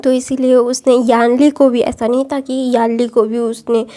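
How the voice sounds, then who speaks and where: Woman storyteller, casual retelling, rambling and self-correcting, slightly high voice, very flat pitch. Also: moderate pace. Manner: rambling, searches for words, corrects herself often.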